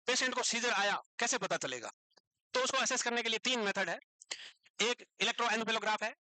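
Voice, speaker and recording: A man teaching a psychiatry class in speech, dictating notes slowly and teasing students about writing them down. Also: sits high, pushed and bright, dry recording, poor audio.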